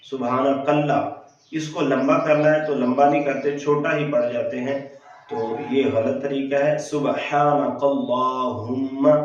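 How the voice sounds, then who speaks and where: A man teaching correct recitation of a prayer, slowly and carefully drawing out syllables to show the right way. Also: medium pitch, far from the mic. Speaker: religious teacher. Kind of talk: recitation lesson. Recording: echoey, dull room sound from off the mic.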